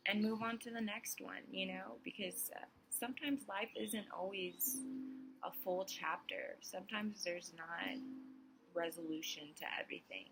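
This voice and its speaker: A young woman vlogger in her sleepy morning voice, talking softly and unhurriedly through a reflective monologue with many pauses. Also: mid-range voice, steady tone, music in the background, poor audio.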